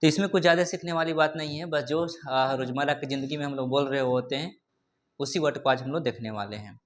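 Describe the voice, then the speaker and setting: A man teaching English vocabulary in a classroom lesson. He keeps asking his students questions, says "ठीक है" often, and repeats each word slowly. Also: medium pitch. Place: classroom with a board.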